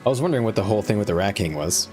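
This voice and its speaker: Guy streaming a game, lowish voice, slangy, thinking out loud, faint music behind. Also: lively intonation, rapid-fire. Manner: informal, slangy, thinking aloud. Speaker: gaming streamer. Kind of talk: casual gameplay commentary.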